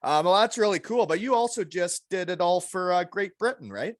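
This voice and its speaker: A middle-aged man hosts a podcast in a lively, swooping voice pitched a little high. He chats informally and bluntly, encouraging his guest, with a close, dry sound. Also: brisk, dry recording. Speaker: podcast host, former hockey player. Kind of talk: casual chat.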